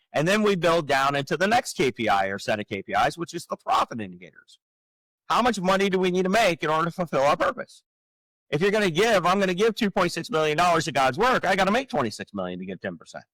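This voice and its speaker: A man in his forties, a real estate coach talking on a podcast, explaining his framework with energetic rhetorical questions. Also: on the high side, fast, dry recording, poor audio. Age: 40s. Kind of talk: casual podcast talk.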